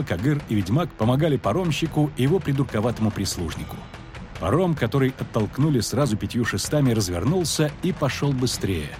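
A man narrating a fantasy audiobook expressively, dropping low and quiet for tension. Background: faint background music.

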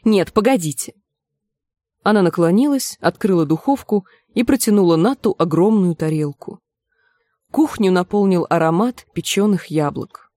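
A woman narrating an audiobook in an even storytelling manner. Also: fairly low pitch, moderate pace, dry recording, studio quality. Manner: even storytelling, acts out the dialogue. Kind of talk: scripted narration.

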